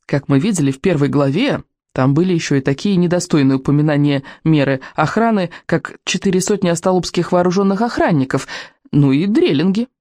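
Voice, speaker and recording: Brief: animated children's book narrator, dry booth sound. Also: mid-range voice, brisk, no echo. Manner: lively, expressive storytelling. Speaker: audiobook reader. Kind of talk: scripted narration.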